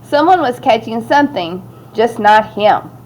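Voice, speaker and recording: A woman narrates a children's story in an expressive, clear storytelling manner. She takes her time over each line, in a slightly high voice. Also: unhurried. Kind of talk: reading a children's story aloud.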